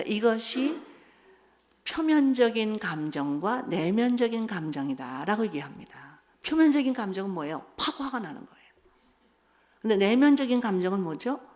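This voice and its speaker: Lively middle-aged woman preaching. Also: medium pitch, slow, long pauses. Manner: lively storytelling, acts out quotes, asks the audience questions. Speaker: seminar speaker. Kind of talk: church seminar talk.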